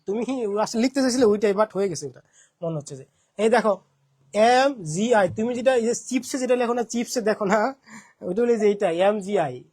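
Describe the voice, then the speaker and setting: High-voiced young Bangladeshi man teaching. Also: fairly quick, a little mellow. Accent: Bangladeshi Bengali. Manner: asks questions, repeats points. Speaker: English teacher. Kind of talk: admission-prep lesson.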